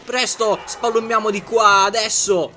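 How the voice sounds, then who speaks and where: A man with a Sicilian accent dubbing a bossy, excitable adventurer fleeing dinosaurs in a comic amateur film spoof. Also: high voice, measured pace, soft background music. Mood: urgent.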